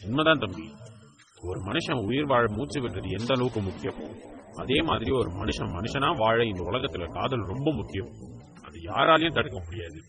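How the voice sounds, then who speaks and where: A kindly old uncle, as a man puts him on, speaks calmly and reflectively in a gravelly voice. A crowd murmurs clearly behind him. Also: medium pitch, moderate pace.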